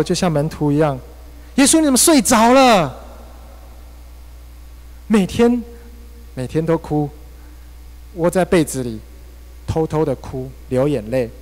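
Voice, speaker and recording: A man's voice: a little high, darkish tone. A male pastor with a Taiwanese Mandarin accent preaching a sermon, telling a personal story with emotional swings. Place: church hall. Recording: long church hall reverb.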